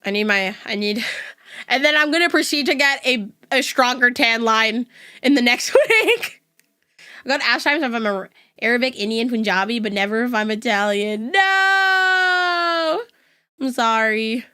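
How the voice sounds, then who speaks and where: This young VTuber streamer, neutral-accented and from the US West Coast, laughs a lot during her casual chat with viewers. Her slightly high voice is unhurried, with lively intonation and a sharp tone.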